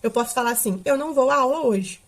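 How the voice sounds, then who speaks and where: Woman, teacher, grammar lesson, explanatory, tag questions, fairly high pitch. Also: fast.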